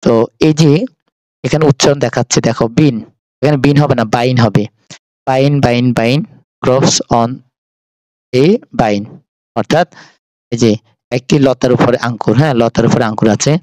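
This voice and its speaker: A man with a Bangladeshi accent talks his students through a textbook English lesson, pausing often to hesitate. His voice sits at a middle pitch for a man and sounds dry and close. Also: darkish tone, dry recording, low-quality recording. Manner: explains English phrases in Bengali, with frequent hesitations. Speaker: teacher.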